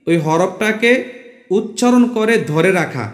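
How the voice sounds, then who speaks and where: A man teaching the rules of Quran recitation, repeating each rule slowly, stretching syllables and questioning his viewers. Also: sits high, expressive. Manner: asks viewers questions, urges them on. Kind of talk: spoken lesson on Quran reading rules. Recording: echoey room with long reverb.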